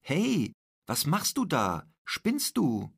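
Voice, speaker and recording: A man voicing an upset teenage schoolgirl, flustered and indignant, with a gravelly, husky voice. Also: fairly high pitch, huge pitch swings, takes it slowly, fairly bright tone, dry recording, clean studio sound, pitched above the performer's own voice, exaggerated voice.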